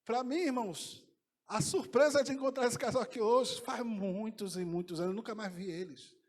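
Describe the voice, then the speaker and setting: A male pastor preaching in a church, swinging from hushed storytelling to shouted declarations. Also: high-pitched, normal speed. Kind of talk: sermon. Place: church sanctuary.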